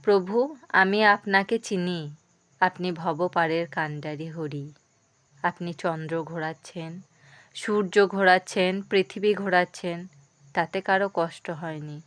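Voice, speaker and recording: A woman voicing a humble, devoted male boatman who pleads with his lord in a slow, smooth voice. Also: lowish voice, steady tone, fairly bright tone, no echo. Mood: devout. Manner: pleading, devout.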